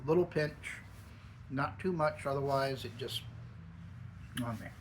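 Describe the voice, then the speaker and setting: A man's voice: mid-range voice, measured pace, a little hiss or hum. A man giving a casual, musing solo video review, talking with a lip full of dip. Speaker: product reviewer. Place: upstairs in a garage.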